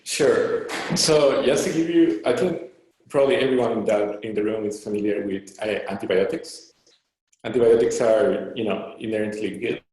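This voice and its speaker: Man from Peru, thirties, halting speech, fillers, heavy room echo. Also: lowish voice, darkish tone. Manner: halting, many fillers and restarts. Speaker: startup co-founder, guest. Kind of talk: online Q&A interview. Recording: very echoey room.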